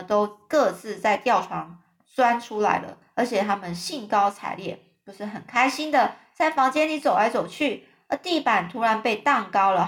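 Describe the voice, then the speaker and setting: A woman reading a children's story aloud in a lively, chatty way, adding casual fillers. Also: on the high side.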